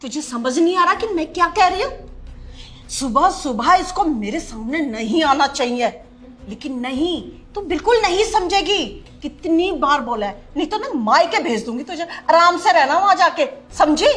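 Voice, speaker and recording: A woman's voice: high-pitched, expressive, moderate pace. A harsh scolding grandmother. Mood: scornful. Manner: scolding, contemptuous, sharp commands. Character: harsh, bitter grandmother who scorns girls. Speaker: mother-in-law. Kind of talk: family short-film acting.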